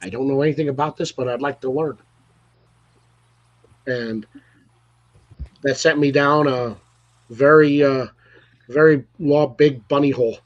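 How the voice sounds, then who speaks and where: A man's voice: mid-range voice, steady tone, measured pace, pauses often. Rambling man, lo-fi sound. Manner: loose, rambling storyteller with frequent restarts. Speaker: podcast host. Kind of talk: casual interview chat. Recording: dull lo-fi audio.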